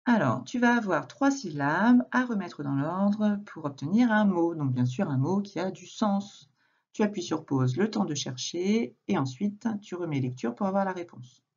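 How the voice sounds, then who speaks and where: A woman teacher recording a reading lesson for a young child at home, speaking slowly and patiently, addressing the child directly. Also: on the low side, expressive, a little mellow, slightly rough, lo-fi sound. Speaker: primary school teacher.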